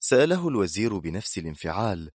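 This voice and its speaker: A male narrator reads a thriller with dramatic expression. His voice is very deep and swings widely in pitch, with a dry, close recording. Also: very animated, fast, darkish tone, slightly rough, no echo. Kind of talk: scripted audiobook narration.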